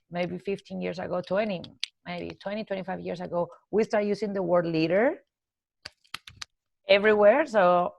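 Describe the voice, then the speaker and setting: In a podcast interview, a corporate trainer and coach from Colombia responds earnestly, laying out her thinking step by measured step in a Colombian accent. She speaks at a fairly low pitch with a gravelly texture, captured in a dry, lo-fi recording.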